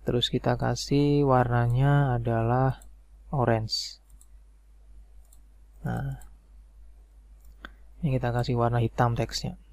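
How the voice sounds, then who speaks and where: A man calmly walking through a spreadsheet tutorial step by step, with frequent "nah" and "oke" fillers. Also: mid-range voice, slow pace, creaky, pauses often, dry recording. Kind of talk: screen-recorded software tutorial.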